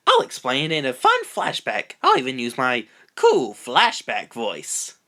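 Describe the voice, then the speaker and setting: A man's voice: medium pitch, wildly swooping pitch, unhurried, sharp tone, heavily acted. A man voicing a wisecracking talking banana who makes sarcastic jokes. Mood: snarky. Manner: sarcastic, fourth-wall jokes. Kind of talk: fan cartoon parody voice acting.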